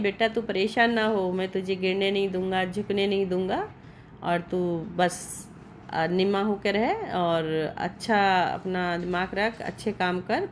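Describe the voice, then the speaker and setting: A woman's voice: medium pitch, a little hiss or hum. Middle-aged devotee, earnest gratitude testimony, mid-range voice, repeats her thanks, talks to her guru. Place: at home.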